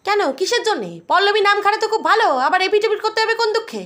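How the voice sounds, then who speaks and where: A woman's voice: very high voice, lively intonation, very fast, fairly bright tone. A woman playing a nosy mother who scolds and questions her two children in a comedy sketch. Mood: scolding.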